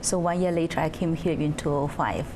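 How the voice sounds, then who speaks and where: A woman from China, a guest in a TV studio interview who is soft-spoken and uses many fillers. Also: deep voice, brisk. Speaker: guest, executive director. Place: TV studio set. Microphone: lapel. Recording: audible background noise.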